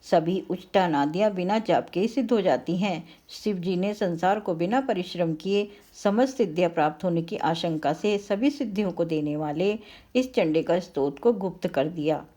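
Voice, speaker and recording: A woman's voice: on the low side, animated, dark tone. Solemn woman reading devotional verses. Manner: slow solemn invocatory recitation with repeated refrains; occasional slips and self-corrections. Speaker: devotional reciter.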